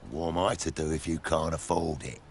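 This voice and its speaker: An actor playing a shady merchant in a video game, with a gravelly voice and a sly, secretive, coaxing sales patter. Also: male voice, a bass voice, steady tone, a little fast, slight background noise. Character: shady male pass merchant, wheedling and sly.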